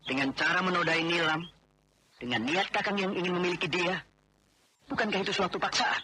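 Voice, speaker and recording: A man's voice: high voice, brisk, pushed and bright, a little hiss or hum. An actor playing a man who politely but firmly shields a wronged woman, in a 1980s radio drama. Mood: reproachful. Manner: polite but reproachful, firm.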